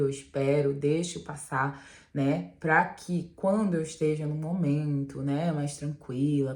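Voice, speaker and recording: Lower-pitched woman, advice vlog. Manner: animated, talks straight to viewers with frequent "né?" and "gente". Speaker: relationship mentor, channel host. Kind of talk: casual advice vlog to camera.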